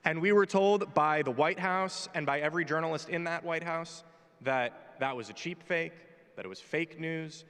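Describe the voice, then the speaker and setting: A fairly high-pitched male voice with a fairly bright, smooth tone comes at a moderate pace from a large conference hall stage. The speaker, a brash, joking, opinionated American man in his twenties, is on a panel, and the recording carries the hall's reverberation.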